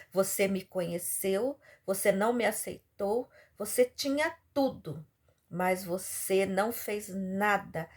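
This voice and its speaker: God speaks as an unbending judge, put on by a woman preacher in nearly her own voice. The words come slow and firm, with no room for bargaining. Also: medium pitch, natural voice.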